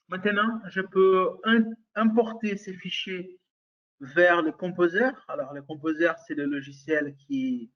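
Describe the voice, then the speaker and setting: Leading a software demo webinar, a Brazilian-accented man with a voice on the high side keeps hesitating, filling gaps and restarting sentences. He often checks in with his listeners, and the recording's highs are cut off.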